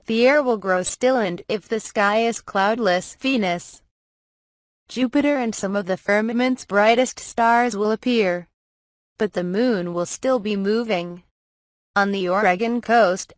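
A woman giving a measured, scripted news narration as a voice-over. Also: mid-range voice, no echo.

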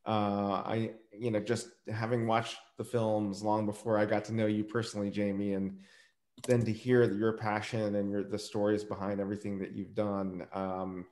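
Guy hosting a video meetup, lowish voice, roomy echo, rambly and appreciative. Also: level tone, moderate pace, a little mellow. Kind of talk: casual video call discussion. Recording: roomy video call audio.

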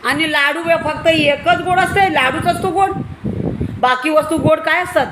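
A woman preschool teacher with a Marathi accent teaching young children in class, asking question after question and urging them to answer louder. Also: high-pitched, normal speed, noisy background.

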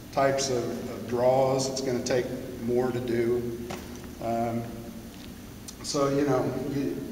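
A middle-aged American man giving a plain-spoken workshop talk, relaxed, with lots of "uh" fillers, recorded from a distant camera in a large gym. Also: medium pitch, slight background noise. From United States. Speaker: conservation agency staff speaker. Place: large gym-like hall with wooden floor, indoors. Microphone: far camera. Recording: very echoey hall, voice from far off.

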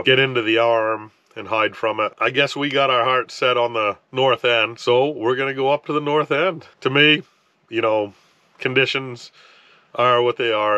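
Sitting in an ice fishing tent on a frozen lake with wind outside, a man in his thirties chats to camera for his fishing vlog. He rambles in a relaxed way, with frequent restarts and filler like "you know". His mid-range voice comes through with no echo, though the audio is dull.

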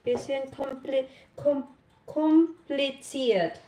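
A thirty-eight-year-old Filipina vlogger chats casually with her livestream viewers in simple German, slipping in some English as she works in her home kitchen. Her voice is high and very slow, picked up by a camera on the counter in an echoey room where running water and kitchen clatter make the background noisy.

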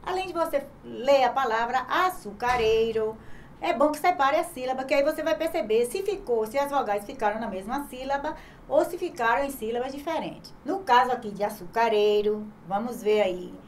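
A woman's voice: on the high side, a little hiss or hum. A woman with a Brazilian accent teaching an online grammar lesson to children, sounding words out syllable by syllable and asking questions she answers herself. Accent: Brazilian Portuguese. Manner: slow, patient, spelling words out syllable by syllable; asks the class questions and answers them herself. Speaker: primary school teacher.

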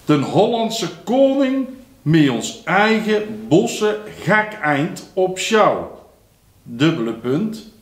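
Guy reading a dictation real slow, calls out the punctuation low, roomy echo. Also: sing-song. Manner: reads each phrase slowly, then drops low to call out punctuation. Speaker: dictation reader.

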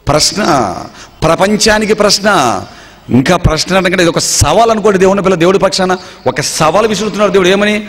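A man's voice: high voice, fairly quick, a bit bright. A male preacher giving a dramatic sermon, acting out everyday scenes and putting questions to his listeners. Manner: dramatic storyteller, acts out dialogue, asks the congregation questions. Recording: long reverb.

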